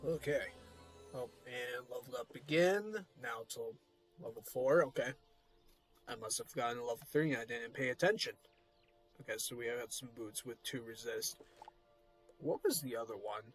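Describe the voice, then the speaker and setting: A man gives casual game commentary in a medium-pitched voice. He rambles and repeats himself as he explains, with faint music in the background. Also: moderate pace, long pauses. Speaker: gaming video host.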